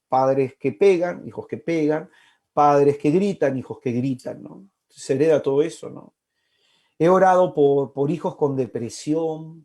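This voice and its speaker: A man in his forties from Peru preaches with passion. His voice sits somewhat high but sounds dark and mellow. He stresses key words with slow repetition and drops into hushed asides. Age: 40s. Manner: impassioned, with slow emphatic repetitions and sudden soft asides. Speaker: speaker at a faith-based family talk. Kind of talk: preaching talk.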